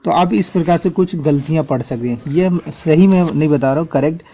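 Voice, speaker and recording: A man's voice: a little high, brisk, mellow. A man teaching an English spelling lesson at a board, spelling words out letter by letter and checking in with the class often.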